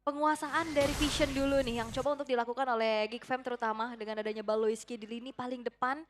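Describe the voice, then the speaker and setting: A woman giving analytical esports commentary with lively reactions. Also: a little high, fast, noisy background.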